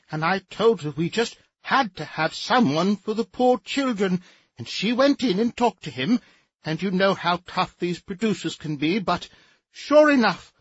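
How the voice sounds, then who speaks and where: A man voicing a portly, gushing society matron who warbles in a high, fluttering voice. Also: breathy edge, dry recording, dull audio, heavily acted. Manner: breathless, chirpy, fluttering.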